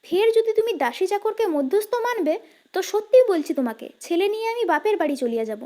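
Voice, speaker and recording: Woman doing a stubborn young wife, pert, quick replies, high pitch, storybook. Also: lively intonation, warm tone.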